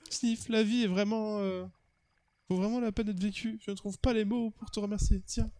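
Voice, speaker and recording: A man's voice: high-pitched, steady tone, normal speed, dark tone, voice pushed up. A man reading Camis, a shy lovestruck young man. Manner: reading game dialogue aloud with earnest, sighing delivery. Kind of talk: reading game dialogue aloud.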